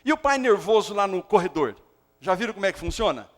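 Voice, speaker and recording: High-voiced man preaching with animation. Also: fast talker, big-room sound. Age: 40s. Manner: animated preaching, acts out dialogue. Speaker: pastor. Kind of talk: sermon.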